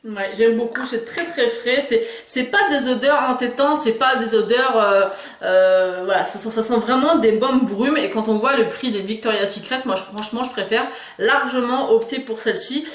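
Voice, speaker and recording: A woman's voice: fairly high pitch, normal speed, reverberant. A woman chatting enthusiastically about store purchases in a casual haul video, hesitating often. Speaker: beauty and lifestyle YouTuber.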